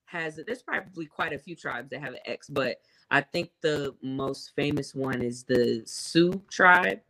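A female musician, appearing as a guest in a casual interview, explains herself in a thoughtful, hesitant and measured manner. Her voice is low, with a slightly bright quality.

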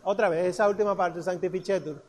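A man's voice: sits high, unhurried, a little hiss or hum. A man teaching a congregation to chant, patiently coaching their pronunciation syllable by syllable. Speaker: liturgical chant instructor.

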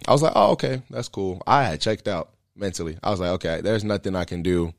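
A man's voice: low voice, fast, creaky. A man candidly telling a personal story in a casual interview, earnest and slangy, with loose fillers.

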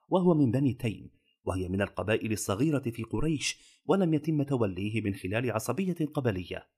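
A man reading a magazine article aloud in formal scripted narration, with a steady, even delivery. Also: medium pitch, husky.

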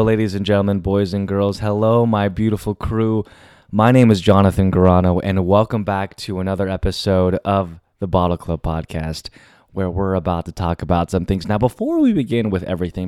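A man hosting a solo confessional podcast, speaking to listeners in a theatrical showman's manner with emphatic, dramatic pauses. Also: lowish voice, a little mellow, smooth, no room sound, studio quality. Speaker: podcast host.

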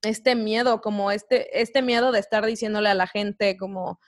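A woman's voice: mid-range voice, fairly even intonation, normal speed. A young woman with a Mexican accent tells a personal story in a candid, slang-heavy podcast chat. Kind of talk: casual chat.

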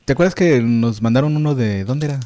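Brisk co-host, Tijuana Mexican man in his thirties, slangy, quick delivery. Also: medium pitch, expressive, warm tone. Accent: Northern Mexican, Tijuana. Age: 30s. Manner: quick, chatty, peppers talk with "güey". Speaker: podcast co-host. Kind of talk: casual chat.

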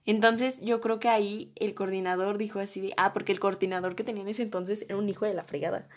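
Speaking fast in a steady, mid-range voice, a young woman recounts her college days in a casual storytime style. She has a Mexican Spanish accent and her chatty delivery is full of slang and fillers.

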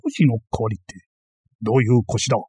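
A man's voice: mid-range voice, brisk, dark tone, breathy edge, dry recording, clean studio sound. A man voicing a boastful, bumbling self-styled master thief in a dramatized period-novel reading, ranting and easily flustered. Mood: baffled.

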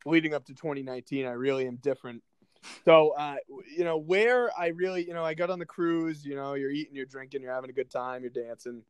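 A young man co-hosts a casual podcast with a slightly higher-pitched voice. He tells stories in a loose, rambling way and swears offhandedly. The sound is dry and close to the mic. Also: fairly even intonation, fast talker, clear, resonant tone, no room sound. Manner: laid-back storyteller, swears casually. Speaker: podcast co-host.

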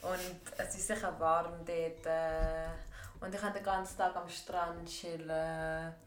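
A young woman, giggling through a casual party game and talking loudly because music is playing in her earbuds. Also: on the low side, flat delivery, takes it slowly. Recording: roomy echo.

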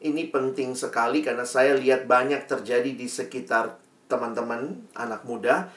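A man speaking to young people in a sermon, conversational and lively, sometimes acting out teenagers' questions. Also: medium pitch. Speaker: youth speaker. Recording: roomy, distant mic.

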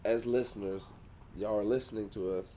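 A man's voice: fairly low pitch, fairly even intonation, fairly quick, warm tone, a little hiss or hum. A man co-hosting a casual podcast, joking, swearing and slipping into goofy voices. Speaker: podcast co-host. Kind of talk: rowdy casual chat.

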